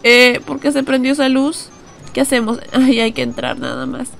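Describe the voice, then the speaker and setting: A woman's voice: high-pitched, big pitch swings, moderate pace, gravelly, a bit bright, soft background music. A young woman streaming a horror game, chatting nervously to viewers and breaking into frightened shrieks. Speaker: gaming streamer.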